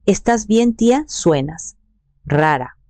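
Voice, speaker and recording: A woman voicing a young woman in her twenties, a lively and urgent niece in a storybook narration. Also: medium pitch, slow pace, no room sound, voice pushed up. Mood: worried. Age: 20s.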